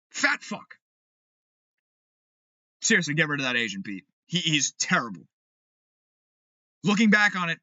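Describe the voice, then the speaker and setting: A man hosting a sports podcast, ranting angrily and with lots of cursing, dropping to low mutters and then rising to shouts. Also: no echo. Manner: angry, profane, swings from low mutters to shouting. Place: home room. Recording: dull, lo-fi home recording.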